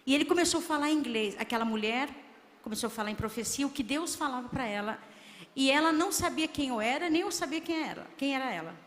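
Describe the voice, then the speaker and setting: High-voiced Brazilian woman giving heartfelt testimony. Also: expressive, fast. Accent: Brazilian Portuguese. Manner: heartfelt, repetitive storytelling. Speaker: church member giving testimony. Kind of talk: emotional church testimony. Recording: long reverb of a church hall.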